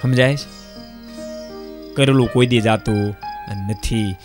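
A man's voice: medium pitch, takes it slowly, faint music behind. A man, a monk preaching a folksy sermon, telling stories and repeating questions to the crowd. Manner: repeats rhetorical questions to the audience; lively storytelling, voices the people in his stories.

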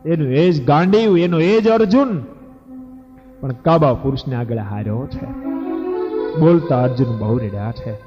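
A man's voice: fairly high pitch, animated, measured pace, pauses often. A man telling a devotional scripture story as a sermon, dramatic and emphatic, addressing the devotees. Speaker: religious storyteller preacher. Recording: echoey hall, dull lo-fi, faint music.

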